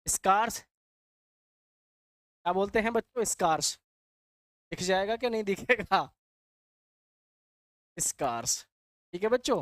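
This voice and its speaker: A man's voice: sits high, fairly bright tone, no echo. Guy teaching vocab, keeps repeating and asking the class, dry close sound. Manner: repetitive, quizzing students with call-and-answer; addresses students as "beta" and "bachche". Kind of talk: Hindi classroom lecture.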